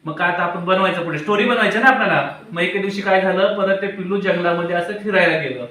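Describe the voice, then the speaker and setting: High bright man teaching in echoey classroom. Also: fast talker. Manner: questioning, prompting children for answers. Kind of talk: classroom lesson with children. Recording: very echoey room, voice from far off.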